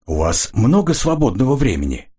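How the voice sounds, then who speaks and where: A man doing a calm, probing colonel. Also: mid-range voice, normal speed, husky, voice pushed up. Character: cool, measured older male intelligence colonel.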